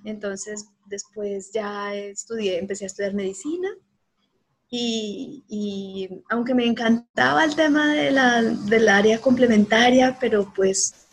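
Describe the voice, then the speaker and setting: A woman's voice: a little high, unhurried, breathy edge, rough recording. A woman from Colombia, a doctor answering interview questions earnestly over a video call, with frequent restarts. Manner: earnest, telling her story with restarts. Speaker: guest, doctor.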